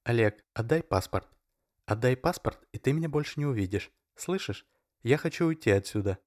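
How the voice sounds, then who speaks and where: A man's voice: very animated, normal speed, no room sound, clean studio sound. A man voicing a pleading young woman. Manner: high, strained, tearful pleading.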